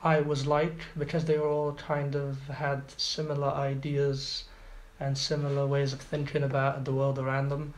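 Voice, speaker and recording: A man's voice: medium pitch, monotone, normal speed, few pauses. A man in his twenties from Iraq, talking as an interview guest, hesitant with many fillers and restarts. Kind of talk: casual interview. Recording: roomy echo, faint background noise.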